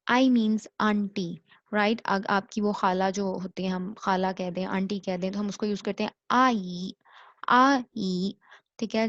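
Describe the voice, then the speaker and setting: Woman teacher going slow through words, says each one over and over, throws in english, dull lo-fi dry recording. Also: medium pitch, no echo. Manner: repeats each word slowly for the learner to copy; mixes English into explanations. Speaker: language teacher. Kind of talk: recorded language lecture.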